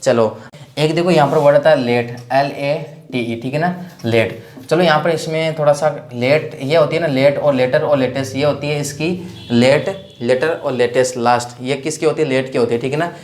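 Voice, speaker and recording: Man, grammar teacher, somewhat high-pitched, repetitive, exam-prep lesson. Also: moderate pace. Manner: repetitive, checks in with "theek hai na" constantly; spells words out letter by letter. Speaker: English teacher.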